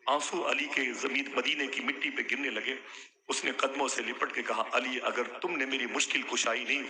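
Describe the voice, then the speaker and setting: A man preaching a storytelling sermon with deep feeling, his voice sitting at an ordinary pitch. He builds toward loud, high calls to the listeners, and a gathered crowd is clearly heard around him. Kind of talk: Urdu religious sermon with storytelling. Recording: live recording with a crowd. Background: audience crowd clearly heard.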